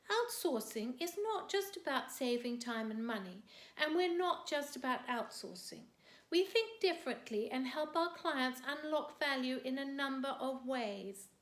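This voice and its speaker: A woman reading her own poems in a measured, earnest way, dropping softer on the heaviest words. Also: a little high. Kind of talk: poetry reading. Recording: roomy echo.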